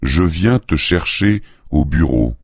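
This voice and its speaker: A man reading phrases slowly and deliberately for language learners. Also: a bass voice, animated, gravelly, husky, no room sound, clean studio sound. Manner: slow, deliberate, careful. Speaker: phrase reader. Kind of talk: slow phrase drills for learners.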